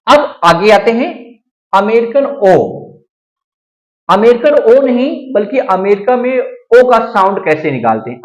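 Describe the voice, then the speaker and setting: A male teacher walks through English sounds in a classroom lesson. He says each example word over and over, slow and deliberate. He keeps asking a question and answering it himself. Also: sits high, rough recording. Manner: repeats words slowly, asks and answers his own questions.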